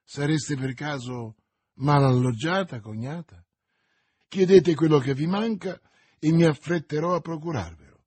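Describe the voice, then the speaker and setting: A cold, contemptuous baron, sneering and menacing his captive , played by a male audiobook reader. He speaks slowly and deliberately in a husky voice. The recording is close and dry. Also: a little high, a little mellow, no echo.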